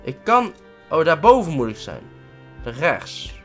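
A man with a Dutch accent doing excitable let's-play commentary, swearing and yelping at every mishap. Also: on the high side, takes it slowly, soft background music. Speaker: gaming let's-play host.

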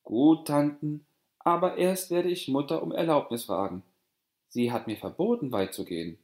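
A man voicing a shy, modest young girl in a fairy-tale audiobook, speaking softly and bashfully. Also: fairly high pitch, lively intonation, moderate pace, voice pushed up. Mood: polite. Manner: soft, bashful. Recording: roomy echo.

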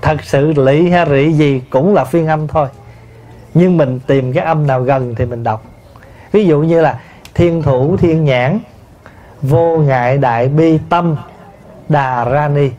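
A man, a Buddhist monk, giving a sermon to an assembly and explaining pronunciation slowly with many repetitions. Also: fairly high pitch, mellow. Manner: slow, explanatory, addresses the assembly, repeats terms to teach pronunciation. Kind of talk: sermon answering a listener's question.

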